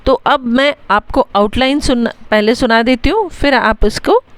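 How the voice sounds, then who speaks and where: A young adult woman teacher giving a patient, chatty lesson, dictating English words slowly and spelling them out letter by letter. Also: on the high side, no room sound. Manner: explains in a patient, chatty way, often checking in with the class. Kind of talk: bilingual story-writing lesson.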